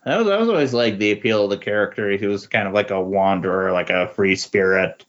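This podcast guest talks fast in a voice on the low side, making casual chat. Despite his speed he is hesitant and often trails off, and the sound is dull and lo-fi.

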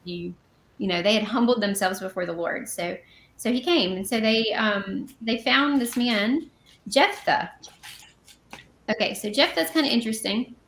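Gravelly woman reading scripture, echoey room. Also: fairly high pitch, normal speed, a bit bright, slight background noise. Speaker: podcast co-host. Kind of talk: casual Bible study reading and commentary.

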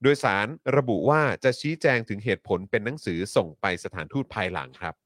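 A man's voice: on the low side, very animated, brisk, dry recording, studio quality. A man hosting a news talk show, reading updates politely and adding many courtesy particles.

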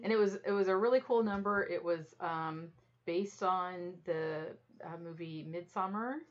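A woman's voice: lowish voice, normal speed. A woman co-hosting a podcast from the United States, teasing and dry as she steers a casual chat. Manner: dry, teasing, leads the talk. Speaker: podcast co-host. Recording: dull lo-fi sound.

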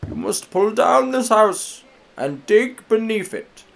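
A tottering ancient man, played by a male storyteller speaks in a thin, raised, quavering voice. Every word comes out slow and careful. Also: high voice, animated, vocal fry, very echoey, big-room sound, slight background noise, voice pushed up, heavily acted. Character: very old frail man, guide.

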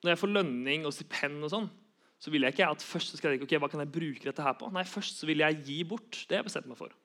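Young guy preaching a sermon, earnest, keeps repeating phrases, voice a bit high. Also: pushed and bright.

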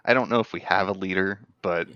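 A man's voice: low-pitched, a little fast, pushed and bright, clean tone, no room sound. A man chatting casually as a player in a tabletop game, on a slightly lo-fi recording. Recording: dull, slightly lo-fi, dry sound.

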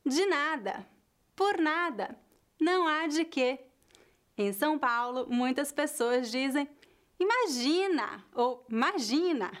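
Slow, high-voiced Brazilian woman teaching. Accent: Brazilian Portuguese. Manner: clear, deliberate model phrasing. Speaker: language teacher. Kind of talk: slow scripted lesson narration.

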